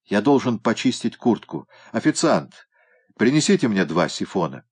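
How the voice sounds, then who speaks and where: A man voicing a composed man who speaks in brisk, matter-of-fact statements. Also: fairly low pitch, sing-song, slightly rough.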